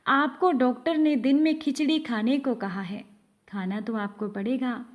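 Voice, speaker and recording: A woman's voice: high voice, measured pace. Woman voicing a patient young daughter-in-law. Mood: calm.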